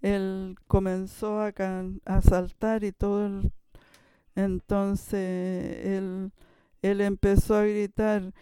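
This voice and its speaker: A preacher giving a sermon, telling a story in a halting way with frequent restarts and sudden shifts between loud and soft. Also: medium pitch, monotone, clean tone, no echo.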